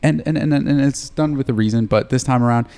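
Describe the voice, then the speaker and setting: A young man, hosting a podcast in relaxed, casual chat. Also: medium pitch, fairly quick, creaky. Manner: relaxed, chatty, with fillers. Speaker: podcast host.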